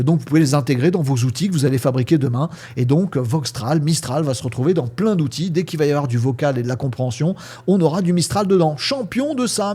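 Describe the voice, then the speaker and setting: A man's voice: fairly high pitch, warm tone, breathy edge. A man from France hosting a casual tech news review, chatty and hesitant with frequent fillers, speaking to viewers as friends.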